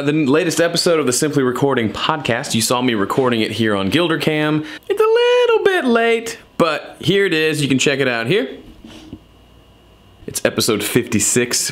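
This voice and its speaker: A man's voice: mid-range voice, fairly bright tone. A man chatting casually as a vlog host in a playful, self-deprecating way, his S sounds whistling slightly through a gap in his teeth. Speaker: vlogger and podcast host.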